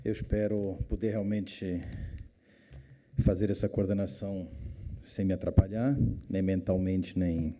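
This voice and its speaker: A man's voice: low-pitched, fairly even intonation, measured pace, warm tone, muffled recording. A man from Portugal with a Portuguese accent moderating a conference debate in a hesitant, self-deprecating way, using fillers as he calls the speakers. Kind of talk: formal moderation.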